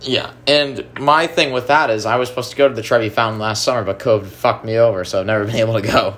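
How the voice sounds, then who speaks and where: A man co-hosting a podcast in casual chat, relaxed and wry. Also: medium pitch, fast. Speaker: podcast co-host.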